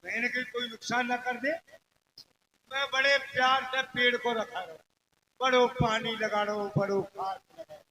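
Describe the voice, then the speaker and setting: A man's voice: very high-pitched, steady tone, normal speed, bright, forceful tone, poor audio. A man with a playing a simple village farmer, wailing and complaining in a comic, exaggerated way in a folk stage play. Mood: whiny.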